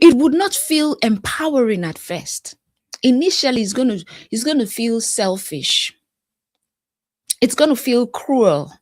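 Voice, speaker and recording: A woman's voice: on the high side, a little mellow, no echo. Emphatic woman life coach, dry sound. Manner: emphatic, repetitive, preacher-like cadence with pauses. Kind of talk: motivational talk to camera.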